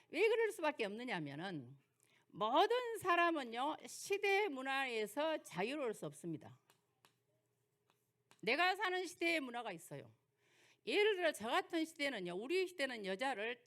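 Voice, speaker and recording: An older woman pastor from Jeolla, South Korea, preaches in the Jeolla dialect with a high, somewhat bright voice. Her sermon lecture relies on folksy personal stories and rhetorical questions.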